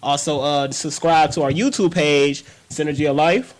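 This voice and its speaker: A man's voice: a little high, normal speed. A man co-hosting a radio talk show, laughing often and tripping over the show's plugs. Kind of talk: casual radio banter. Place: radio studio.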